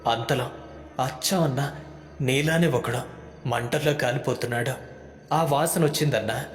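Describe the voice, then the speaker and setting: A man voicing a frightened young companion in a ghost story, talking in an anxious, rushed way. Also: mid-range voice, close to an everyday voice. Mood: frightened pleading. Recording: echoey hall with background music.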